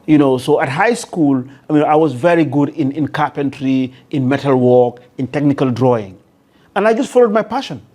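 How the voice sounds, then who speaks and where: A man's voice: fairly high pitch, expressive, normal speed, warm tone. A man in his sixties with a Gambian accent telling his story conversationally as an interview guest, often repeating phrases as he starts. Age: 60s. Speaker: interview guest, construction entrepreneur.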